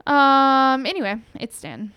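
A woman's voice: sits high, lively intonation, slow pace, clean tone, dry recording, muffled recording. A woman co-hosting a podcast, telling a story in a rambling, chatty way and often correcting herself. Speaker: podcast co-host. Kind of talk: casual storytelling chat.

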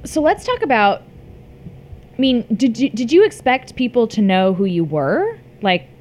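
A woman's voice: on the high side, very animated, measured pace, darkish tone. A woman hosting a casual interview, asking questions informally and chipping in with agreement. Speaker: interviewer, host.

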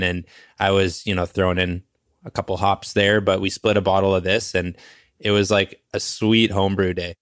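A man's voice: sits low, fairly bright tone, no echo, studio quality. A man co-hosting a casual podcast from home over a remote call, telling stories and cracking jokes about beer. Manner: chatty storyteller, jokes around. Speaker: podcast co-host. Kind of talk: casual chat.

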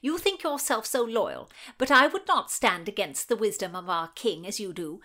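A woman's voice: mid-range voice, expressive, moderate pace, sharp tone. A woman voicing a spiteful, scheming Tudor noblewoman with a nasal twang and falsely sweet manner in an audiobook reading. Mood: falsely sweet, sneering.

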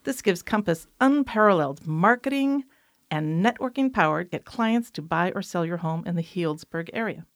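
Chatty woman co-host, enthusiastic, low-pitched, dry close mic. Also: animated, normal speed, dry recording. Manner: upbeat and chatty, reads sponsor copy. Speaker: co-host, wine association director. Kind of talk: casual podcast chat.

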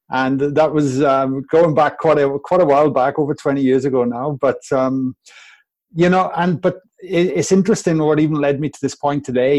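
A Welsh man in his forties joins a podcast interview as a guest over a video call. His mid-range voice has a darkish tone, and he speaks reflectively, rambling and restarting often.

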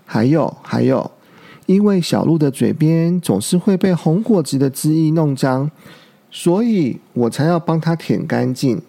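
Brief: tender dinosaur dad from a storybook, slow, dark gravelly voice, soothing, a man acting it. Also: on the high side, expressive, full character voice. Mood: reassuring. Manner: soothing, fatherly. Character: doting father tyrannosaurus, gentle and caring.

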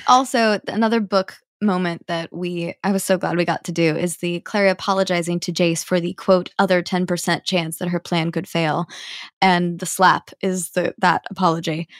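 Woman in her thirties, lowish voice, dry close mic, chatty co-host who laughs easily. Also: fairly even intonation, normal speed, no room sound. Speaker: podcast co-host, actress. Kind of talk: casual rewatch podcast chat.

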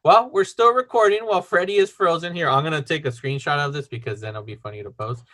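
A man in his late thirties hosting a casual podcast chat over a video call, chatty and quick to laugh. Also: fairly high pitch, a bit bright. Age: 30s. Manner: chatty, laughs easily, loose filler-heavy talk. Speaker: podcast host.

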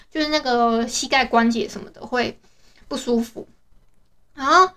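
A young woman from Taiwan talks in a loose, rambling diary chat, full of fillers and restarts. Her voice sits a little high and sounds bright and crisp. She speaks with a Taiwanese Mandarin accent. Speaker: podcast host.

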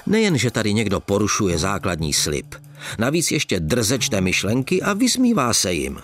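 A man narrating an audiobook with expressive storytelling. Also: lowish voice. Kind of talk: audiobook reading.

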